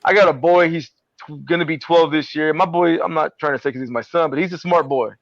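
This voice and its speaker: A man with a slightly high voice hosting a casual podcast, relaxed and full of swearing as he tells stories. The audio is dry and a little dull. He sounds close to the mic in a small, dead room. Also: fairly quick, no room sound. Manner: laid-back, profane, storytelling with laughs. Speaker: podcast host.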